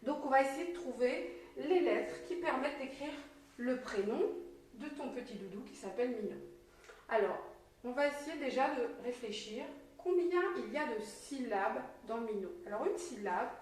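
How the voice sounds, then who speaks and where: A woman's voice: sits high, expressive, darkish tone, a little hiss or hum. Patient woman teacher in an echoey room. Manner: slow, encouraging, sounds out syllables. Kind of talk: patient early-literacy lesson. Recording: very echoey room, mic at a distance.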